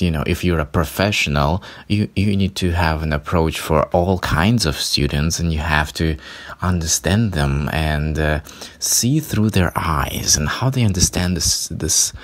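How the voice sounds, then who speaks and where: A man, an English tutor, talking in a casual podcast monologue, ranting and swearing in exasperation. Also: low voice.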